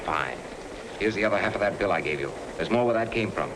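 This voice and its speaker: An actor playing a cool, bossy crook in a 1930s screwball comedy film, with clipped, wry banter. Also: male voice, sits low, expressive, fast talker. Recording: noisy old 1930s film soundtrack.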